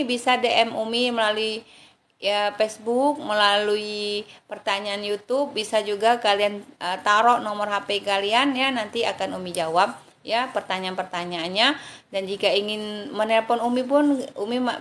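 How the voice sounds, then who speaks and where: A woman's voice: mid-range voice, fairly even intonation, moderate pace, a bit bright, a little hiss or hum. An Indonesian woman preacher giving a live religious talk, answering viewers' questions, thanking them by name and calling them darling, and now and then reciting Arabic prayers in a chanting tone.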